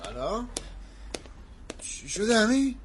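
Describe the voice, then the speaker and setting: A man with a high voice plays a friend in a comedy sketch. He coaxes and chimes in with quick, eager lines. A faint background noise runs under him. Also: sing-song.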